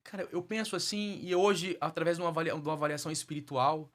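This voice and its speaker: A man speaking quickly in a fervent preaching rhythm, his voice a little above the usual male pitch. He tells his story as a testimony and circles back on key phrases to drive them home. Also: fairly bright tone. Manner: fervent, repeats phrases for emphasis. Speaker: guest minister sharing his life story. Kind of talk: emotional testimony with preaching cadence.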